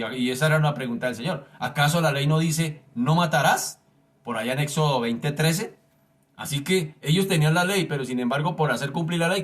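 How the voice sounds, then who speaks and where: Emphatic preacher man, fairly high voice. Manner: emphatic, addresses listeners directly; reads scripture aloud, slows for emphasis. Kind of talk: sermon.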